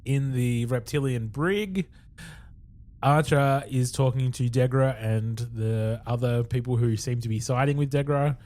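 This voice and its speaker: A man's voice: medium pitch, fairly even intonation, unhurried, a little mellow. A man with an Australian accent co-hosting a podcast, casually recapping an episode in a rambling way with fillers and chuckles. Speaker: podcast co-host.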